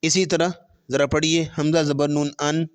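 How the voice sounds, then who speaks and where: A man teaching Quran pronunciation, explaining step by step and stretching letters slowly in drills, with English terms mixed in. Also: fairly high pitch, flat delivery, slight background noise. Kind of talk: tajweed lesson with spoken drills.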